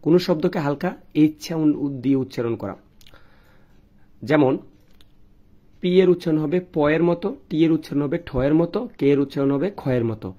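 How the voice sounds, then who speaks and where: A man's voice: on the high side, a little fast, long pauses, dark tone, lo-fi sound. A man from Bangladesh with a Bangladeshi accent, teaching English pronunciation and reading out word lists one word at a time. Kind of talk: pronunciation lesson.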